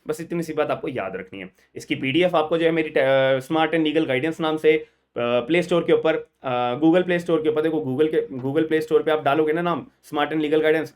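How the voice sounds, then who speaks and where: A man teaching an online law exam lecture, emphatic and repetitive, often asking the viewers questions. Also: a little high. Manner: emphatic, repeats "thik hai ji", quizzes viewers.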